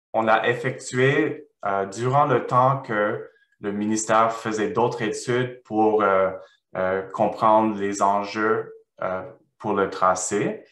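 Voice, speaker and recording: A man with a foreign accent, a non-native French speaker, presenting research and answering questions haltingly as he searches for words. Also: fairly low pitch, a bit bright. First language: not French. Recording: roomy, echoing sound.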